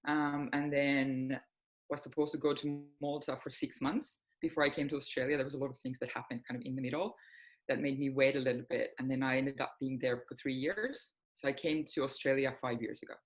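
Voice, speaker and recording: A Finnish woman in her forties, whose first language is Finnish, speaks a little fast in a very deep, steady voice on a low-quality recording. As a healing coach guesting on a casual interview, she comes across reflective and open, using many soft fillers.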